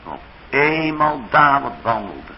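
A man's voice: medium pitch, sing-song, unhurried, lo-fi sound, a little hiss or hum. A man with a Dutch accent preaching a sermon in a church, acting out the biblical figures' speech dramatically. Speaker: pastor.

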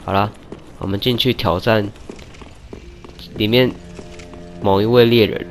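Excitable man playing a game. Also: on the low side, measured pace. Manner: excitable, shouts and groans at deaths, teasing banter with enemies. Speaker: gaming YouTuber. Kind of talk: casual let's-play commentary. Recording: game music playing behind.

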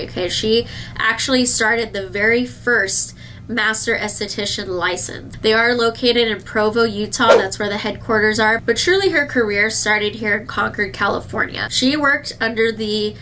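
A licensed esthetician in her thirties chats straight to her viewers in a casual skincare product review filmed in an indoor treatment room. Her mid-range voice has a sharp tone and sounds a little nasal from a cold. The low-quality recording carries a slight hiss or hum.

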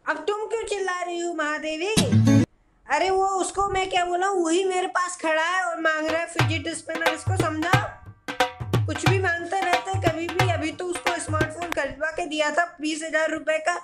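A man's voice: very high-pitched, steady tone, moderate pace, loud music behind the voice. A young man playing a stern, stingy father who nags and scolds his son in a comedy sketch. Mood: defensive. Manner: nagging, scolding.

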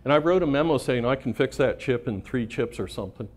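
A middle-aged man spinning workplace anecdotes at a conference, his voice sitting at an ordinary middle pitch. He talks casually and swears freely, laughing at his own stories. He keeps tossing "right?" to the crowd. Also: lively intonation, fast talker. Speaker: conference speaker. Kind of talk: storytelling talk to a live audience.

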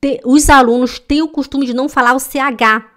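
A Brazilian woman with a Brazilian Portuguese accent teaching German in a live online lesson, sounding out words slowly and repeating them for her students. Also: sits high, fairly even intonation, fairly bright tone. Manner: slow, exaggerated demonstration of German sounds; addresses students directly, repeating words for practice.

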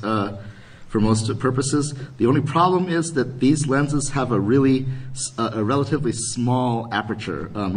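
A man's voice: mid-range voice, breathy edge, recorded from a distance, low-quality recording. A man giving a photography workshop at a convention, talking casually with many ums and restarts. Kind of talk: live convention workshop talk. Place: convention panel room.

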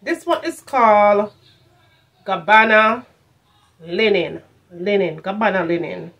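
A middle-aged woman with a Jamaican accent reviews her shopping haul in a casual vlog, chatting to camera from a furnished room at home. Her medium-pitched, slightly bright voice takes it slowly, slipping into patois and repeating phrases for emphasis.

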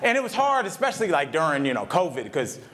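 A middle-aged man doing a stand-up comedy set at a live event, talking in a conversational, animated way with lots of asides. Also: fairly high pitch, fast talker. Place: live event venue with audience. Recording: live venue with loud crowd. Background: audience laughter.

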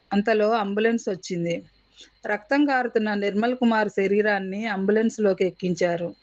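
A woman narrating a short story as an audiobook, reading in a measured, expressive way and voicing the characters' lines. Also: medium pitch, muffled recording.

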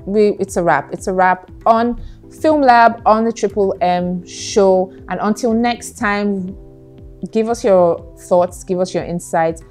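A woman co-hosting a casual film review, lively and teasing with quick interjections. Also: medium pitch, soft background music. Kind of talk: casual movie review chat.

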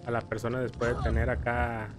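Over background video game music, a Mexican streamer rambles casually about his gameplay, slangy and playfully profane. His mid-range voice is monotone and moves at a fairly quick clip.

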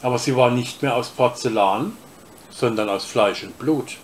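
A man reading a children's story aloud, slowly and deliberately. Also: mid-range voice, a little hiss or hum. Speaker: reader of a story.

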